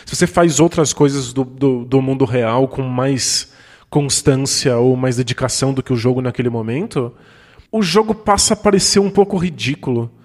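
A Brazilian man co-hosts a podcast, speaking English with a Brazilian Portuguese accent in a mid-range, darkish voice at normal speed. He explains ideas thoughtfully in casual discussion, often restarting sentences. The recording carries long reverb.

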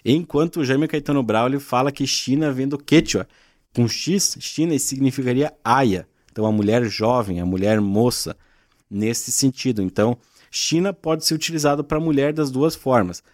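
A man's voice: medium pitch, normal speed, darkish tone, no echo, studio quality. Gaúcho man explaining things patiently. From southern Brazil. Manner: patient, explanatory, frequent tag questions. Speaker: guest, gaúcho culture content creator. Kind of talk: casual podcast chat, explaining expressions.

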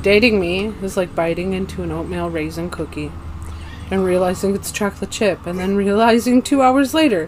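A woman's voice: mid-range voice, normal speed, faint music behind, poor audio. Joke-telling woman podcast co-host. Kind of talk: casual podcast chat.

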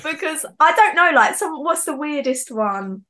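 A woman's voice: sits high, animated, measured pace, bright, forceful tone. Chatty giggly young woman. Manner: chatty, giggly, lots of "like" fillers. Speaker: singer-songwriter guest. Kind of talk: casual interview chat.

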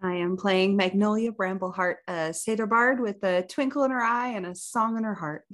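A woman's voice: medium pitch, moderate pace, a bit bright. A woman chatting casually as a player in a tabletop role-playing game.

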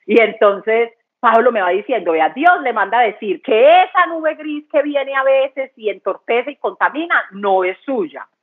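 A woman's voice: on the high side, expressive, measured pace, hardly any pauses, breathy edge. A woman giving an earnest, conversational church testimony, repeating phrases for emphasis. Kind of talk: testimony talk. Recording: tinny phone-line sound.

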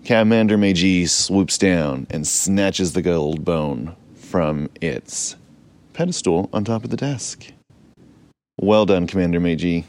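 A man's voice: sits low, animated, slow, a little mellow. A man narrating an improvised audio adventure as a captain, playful with rambling asides.

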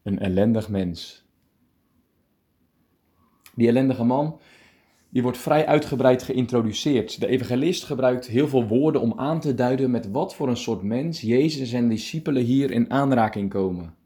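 A male preacher giving a calm radio meditation, reading scripture deliberately and explaining it. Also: mid-range voice.

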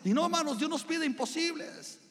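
High-voiced Mexican pastor preaching in a hall. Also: male voice, fairly quick, fairly bright tone. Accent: Mexican Spanish. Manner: conversational preaching, addresses listeners as brothers. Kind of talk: sermon with personal story. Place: church sanctuary. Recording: long hall reverb.

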